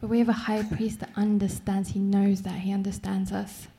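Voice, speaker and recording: Gravelly woman interpreting a sermon live. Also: mid-range voice, little pitch movement, a little fast, mellow. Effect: live English translation of a French sermon, line by line. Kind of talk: consecutive church interpreting.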